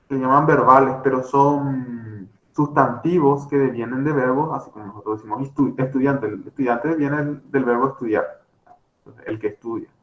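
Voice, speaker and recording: A man with a Paraguayan Spanish accent giving a grammar lecture, talking slowly with many fillers and self-corrections. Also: medium pitch, fairly bright tone. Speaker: language teacher. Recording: roomy, slightly dull recording.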